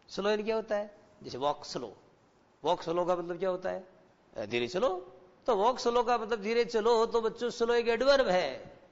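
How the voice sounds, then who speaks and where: A man teaching an English class to schoolchildren, explaining slowly and asking them rhetorical questions. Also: sits high. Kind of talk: classroom lecture. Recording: dull lo-fi broadcast with long reverb.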